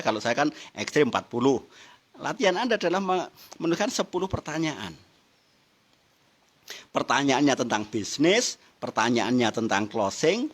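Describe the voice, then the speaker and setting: A man's voice: mid-range voice, a bit bright. A middle-aged man gives a motivational seminar talk, teasing the audience with questions and laughing along. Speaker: business motivational trainer.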